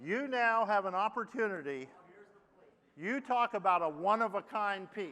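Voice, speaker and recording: A man works a charity auction, calling out bids again and again and teasing the bidders between calls. His voice sits high for a man. It rings through a big hall with a long reverb tail. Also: expressive, pushed and bright. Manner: rapid repetitive bid calling, jokey asides.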